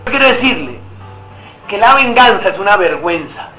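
A man's voice: sits high, sing-song, normal speed, pushed and bright. A man preaching a sermon as pastor, acting out back-and-forth dialogues with God. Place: church hall. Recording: echoey church hall with faint music.

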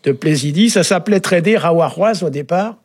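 Male radio language expert, husky and halting, very dry sound. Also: on the high side, a little mellow, no echo. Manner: halting, often adds "hein" and "euh". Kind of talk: relaxed explanatory radio chat.

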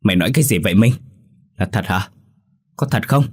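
A man's voice: fairly low pitch, animated, fairly quick, a little mellow, slightly rough. A man voicing a young woman who answers a call and asks alarmed questions.

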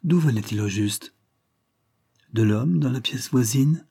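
A man narrating a suspense story as an audiobook reading, measured and suspenseful. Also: mid-range voice, creaky, mellow, husky.

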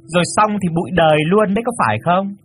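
A man voicing a sneering middle-aged mother who nags and mocks her daughter's suitor in a sarcastic, fast rant. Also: on the high side, big pitch swings, fairly bright tone, faint music behind, pitched above the performer's own voice. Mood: scornful.

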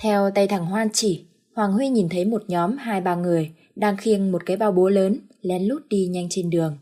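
A woman narrating an audiobook story in a steady, plain storytelling manner. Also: mid-range voice, moderate pace.

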